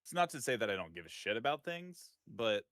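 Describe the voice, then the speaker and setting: Bright-voiced man in his thirties. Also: medium pitch, fairly quick, no room sound, studio quality. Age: 30s. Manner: relaxed, thoughtful, candid. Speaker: streamer guest. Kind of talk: casual chat.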